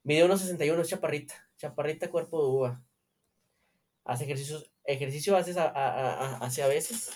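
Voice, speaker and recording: A man's voice: on the high side, a little fast, darkish tone. Joking Mexican man in casual banter. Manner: joking, swearing, laughs often. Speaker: podcast co-host. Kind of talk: casual chat reviewing dating profiles.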